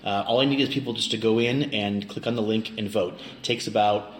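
A middle-aged American man from Kansas chats casually and jokes around as an interview guest, speaking briskly in a lowish voice with fairly even intonation. It is a roomy location recording with clear noise.

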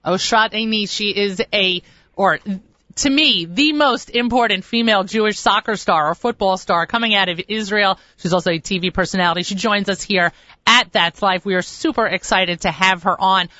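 A woman's voice: mid-range voice, normal speed, pushed and bright, no room sound, highs cut off. A woman hosting a talk show interview, effusive and full of enthusiastic interjections.

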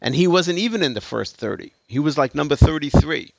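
A man's voice: a little high, lively intonation, fairly quick, creaky, no room sound. Emphatic storytelling man, dry muffled sound. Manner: storytelling, emphatic, with hesitant restarts. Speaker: speaker giving a talk. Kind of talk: spoken lecture to an audience.

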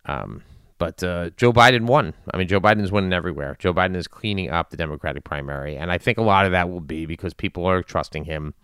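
A man giving informal news and community commentary in a measured, deliberate way with long pauses. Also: low-pitched, fairly bright tone, clean tone, no echo, studio quality. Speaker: commentator addressing his community.

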